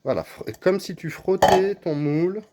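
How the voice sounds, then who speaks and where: Low, mellow-voiced woman guiding a child. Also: normal speed. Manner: patient, guiding, encouraging. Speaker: parent cooking with her child on his channel. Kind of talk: step-by-step cooking instructions. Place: home kitchen.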